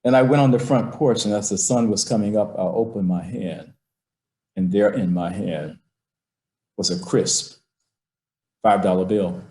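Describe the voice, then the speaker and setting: A middle-aged man with a fairly low voice tells a family memory at a slow, emphatic pace, acting out the lines of the people in it. He speaks from his office, and the sound carries a noticeable room echo. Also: warm tone. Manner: slow, emphatic storyteller who acts out his father's words. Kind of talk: personal storytelling.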